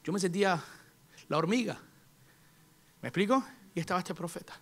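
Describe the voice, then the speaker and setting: A man preaching a sermon in a church, moving from quiet storytelling to shouted exhortation. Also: high-pitched, animated, normal speed. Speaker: apostle preaching.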